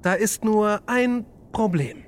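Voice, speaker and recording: A man voicing a charming, hard-drinking male rogue in a radio play, cheeky and quick to laugh. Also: sits high, slight background noise. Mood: sly.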